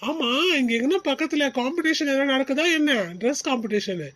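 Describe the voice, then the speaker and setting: A man voicing a fair-minded father who calmly reasons and lectures his family. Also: very high voice, a little fast, dry recording, voice pushed up. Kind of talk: cartoon voice acting.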